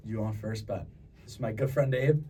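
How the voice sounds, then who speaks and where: A young man hosting a podcast, upbeat and slangy, quick to chime in. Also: fairly low pitch, mellow. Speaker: podcast host. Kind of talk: casual chat. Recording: distant mic with faint ambient noise.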